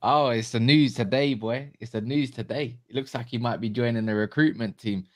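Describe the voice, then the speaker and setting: Fast-talking London roadman. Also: medium pitch. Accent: London, urban street slang. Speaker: football show panellist. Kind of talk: casual banter.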